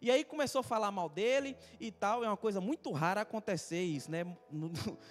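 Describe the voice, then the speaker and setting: A Brazilian pastor with a strikingly high voice preaches in a relaxed, joking way, tossing questions to his listeners. His words ring through a church hall with a long reverb, and soft music plays behind him. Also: a little fast. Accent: Brazilian Portuguese. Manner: humorous, chatty, asks the congregation questions. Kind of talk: conversational sermon with personal stories.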